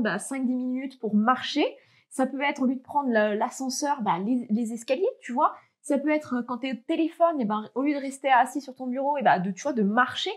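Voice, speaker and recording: A young woman coaching fitness in a relaxed, chatty way, her voice sitting a little high. She talks straight to the viewer and fills her sentences with little asides and fillers. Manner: chatty, many fillers, addresses viewer directly. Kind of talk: casual coaching talk.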